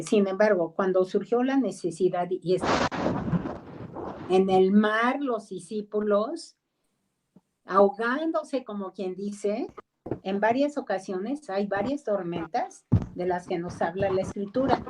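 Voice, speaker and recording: A woman's voice: medium pitch, noisy background. Mexican woman teaching an online Bible class. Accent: Mexican Spanish. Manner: conversational, acts out quoted voices, pauses to ask people to mute. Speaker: discipleship teacher.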